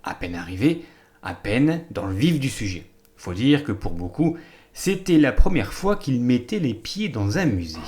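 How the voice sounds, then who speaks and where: Man, local news voice-over, scripted narration, animated melody, medium pitch. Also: normal speed. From Moselle, France. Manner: lively, rising and falling delivery. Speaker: local TV reporter.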